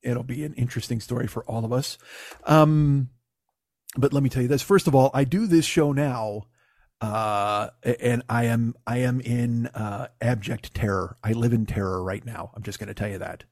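A man hosting a podcast with a hoarse, gravelly voice as if gargling broken glass, ranting casually and comically with swearing and self-mockery. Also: mid-range voice, normal speed, a little mellow, no echo, clean studio sound. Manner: ranting, foul-mouthed, self-deprecating. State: hoarse after losing voice. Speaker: podcast host. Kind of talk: casual comedic monologue.

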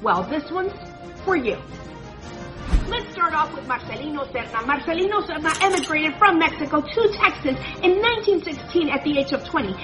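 A woman's voice: high voice, animated, moderate pace, highs cut off, music in the background. A woman presenting a playful storytelling segment, breezy and joking, mixing in Spanish phrases.

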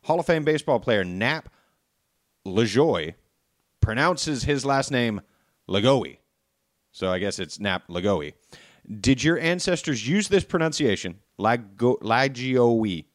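A man co-hosting a podcast, reading out fan questions in a playful, upbeat way with quick asides. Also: mid-range voice, big pitch swings, dry recording, clean studio sound. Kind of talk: casual podcast chat.

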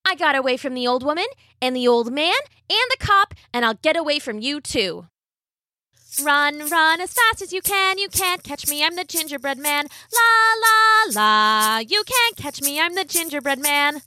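A cocky little gingerbread cookie man, as a woman puts him on, squeaky and high. He chants and taunts in a bright, sing-song lilt, close and dry. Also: big pitch swings, brisk, no room sound, full character voice. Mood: taunting.

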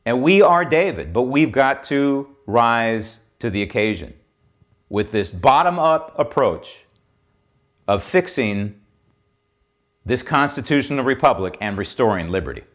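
An American man hosts a political talk show with emphatic, exhorting delivery. His mid-pitched voice swings widely as he repeats his points to the audience. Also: expressive, a little slow, fairly bright tone. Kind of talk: opinion monologue to audience.

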